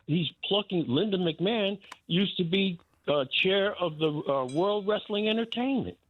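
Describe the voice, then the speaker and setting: An older New York man with a high-pitched, somewhat slow voice calls in to a radio talk show, giving blunt, emphatic opinions. He's a former talk radio host himself, heard over a tinny, dry telephone line.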